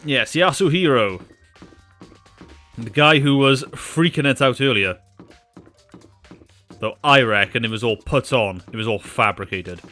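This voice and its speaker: A man's voice: mid-range voice, unhurried, long pauses, bright, forceful tone, soft background music. A man streaming a video game, joking with a co-player and laughing often. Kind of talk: casual gaming stream commentary.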